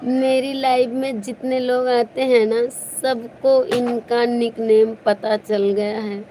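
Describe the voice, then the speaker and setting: Playful high-voiced woman live-streaming. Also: flat delivery, takes it slowly, dark tone, a little hiss or hum, rough recording. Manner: playful, teasing, laughs often. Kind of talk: casual live stream chat.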